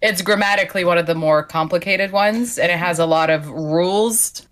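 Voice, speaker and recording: A woman's voice: lowish voice, normal speed, fairly bright tone. A woman from Slovenia, a native Slovenian speaker, chatting as a podcast guest in a self-deprecating way over a video call. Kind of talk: casual chat.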